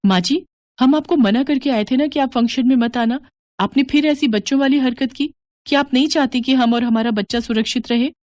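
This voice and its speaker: A woman's voice: high voice, brisk, a little mellow, no room sound, voice pushed up, natural voice. A woman voicing haughty, rich young daughters-in-law who talk down to their widowed mother-in-law in a scornful tone. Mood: scolding. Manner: scornful, condescending. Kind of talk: animated moral story voice acting.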